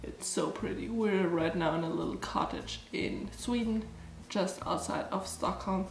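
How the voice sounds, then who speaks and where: Her voice runs on the low side, gravelly and a little slow: a young woman from Germany, congested from allergies, casually sampling snacks for her vlog. She rambles chattily with lots of "like" and "um" in a small cottage room. The close front-facing camera picks up reverb and slight background noise.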